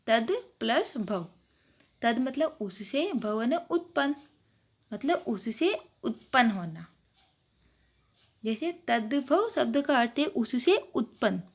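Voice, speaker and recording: A woman with a fairly high voice teaching young children grammar. She explains slowly, stretching out each example word and asking the class questions as she goes. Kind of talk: online grammar lesson for children.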